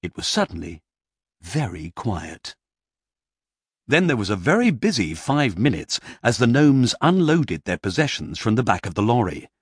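A man narrating a children's storybook in an expressive way, dropping to hushed pauses for drama. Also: medium pitch, breathy edge, no echo, clean studio sound.

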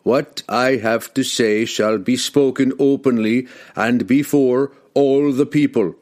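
A man voicing a proud young male barbarian warrior, slow and booming as he proclaims. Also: lively intonation, a little mellow. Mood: defiant.

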